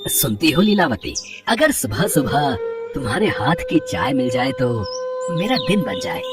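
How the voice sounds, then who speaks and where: A man playing a hardworking, put-upon young farmer husband who pleads and calls out in an animated way. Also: mid-range voice, measured pace, recorded from a distance, loud music behind the voice. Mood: pleading.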